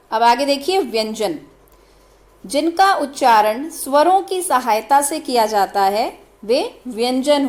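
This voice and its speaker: Female teacher, high voice, unhurried and careful, walks through each letter in turn. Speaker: Sanskrit teacher. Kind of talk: slow step-by-step grammar lesson.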